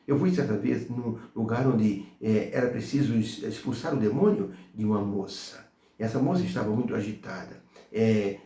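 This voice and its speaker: Gravelly Brazilian man teaching a Bible lesson. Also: medium pitch, mellow, echoey room. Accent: Brazilian Portuguese. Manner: storytelling with anecdotes. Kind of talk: devotional Bible study talk.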